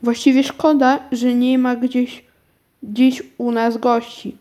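A worried, well-mannered little girl from a children's storybook, played by a woman reading aloud. Her lines come out high, quick to protest and pleading. She stays polite even when she is upset.

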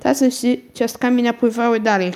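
A woman reading a children's storybook aloud. Her narration is calm and gentle. Her voice sits somewhat high for a woman. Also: moderate pace.

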